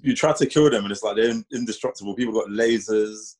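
A man's voice: lowish voice, quick pace. A man with a London roadman accent chatting casually and telling stories in urban slang. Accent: London roadman, multicultural urban slang. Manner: slangy, animated storytelling with 'bro' and 'man'. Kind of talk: casual group chat.

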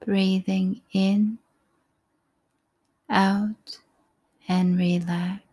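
A woman with a mid-range voice guides listeners through breathing at an extremely slow, gentle pace. She speaks in short phrases separated by calm pauses, her tone mellow, breathy and often nearly whispered, with a lot of creak.

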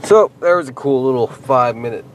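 A man's voice: medium pitch, brisk, a little hiss or hum, low-quality recording. A man co-hosting a casual podcast, reading news headlines aloud and laughing often. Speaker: podcast co-host. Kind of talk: casual chat.

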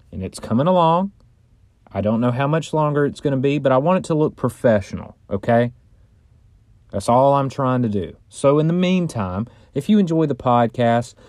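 A man's voice: medium pitch, a little mellow, no room sound, studio quality. A man hosting a casual solo podcast from inside a bedroom closet, chatting in an informal, rambling, joking way. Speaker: podcast host.

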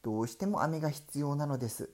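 A man voicing a weak young ghost woman in a Japanese storybook tale, pleading softly. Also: fairly high pitch, expressive, fast, close to an everyday voice. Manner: soft, faint pleading.

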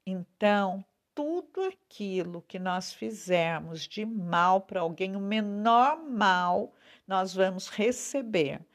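A woman with a Brazilian Portuguese accent giving a devotional talk straight to the viewer, earnest and deliberate, drawing out her key words and often checking in with "né?". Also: medium pitch, animated. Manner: slow, earnest, drawn-out emphasis, frequent "né?". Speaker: preacher.

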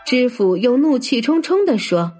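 A woman telling a traditional folk tale as a children's storyteller, in an expressive, lively way. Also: on the high side, normal speed, faint music behind. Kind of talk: storybook narration.

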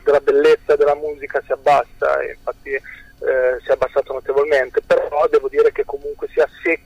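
A young man, a musician guest, answering interview questions over the phone, hesitant and full of drawn-out fillers. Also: fairly high pitch, level tone, vocal fry, a little mellow, dry recording, dull audio.

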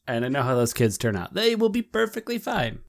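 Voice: mid-range voice, big pitch swings, a little fast. A podcast co-host making dry, wry comments in casual banter.

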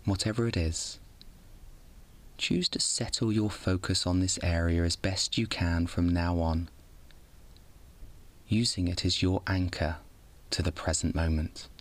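With a low, soothing voice, a man takes the listener through a bedtime meditation in sleep-story-narrator fashion. He never rushes, giving each instruction calmly.

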